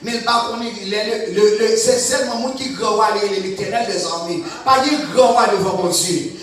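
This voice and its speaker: A man preaching a sermon, repeating a short blessing between phrases and building to loud, chanted repetitions, recorded in a church sanctuary. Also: high-pitched, moderate pace. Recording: very echoey church from far off.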